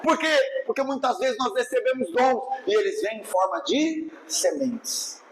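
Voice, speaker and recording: A man's voice: extremely high pitch, expressive, measured pace, a little hiss or hum, rough recording. A man with a Brazilian Portuguese accent preaching a sermon as pastor, emphatic, often asking the congregation whether they follow him. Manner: emphatic, keeps asking the congregation "are you understanding me, yes or no?"; acts out churchgoers' voices in quotes.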